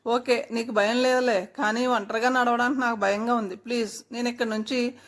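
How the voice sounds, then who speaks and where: A woman's voice: on the high side, steady tone, brisk, lightly acted. A woman voicing a playful, joking young man stranded in a jungle, who teases and pleads. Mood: teasing. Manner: teasing, pleading.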